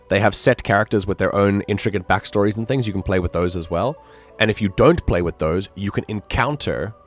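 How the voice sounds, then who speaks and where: A man chatting casually as he streams a game, in a rambling, hesitant way. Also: deep voice. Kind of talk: casual livestream chat.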